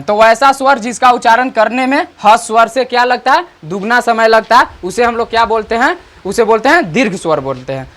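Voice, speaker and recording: An online teacher, explaining grammar slowly and repeatedly checking understanding with rhetorical questions. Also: medium pitch, fairly bright tone. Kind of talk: grammar lesson.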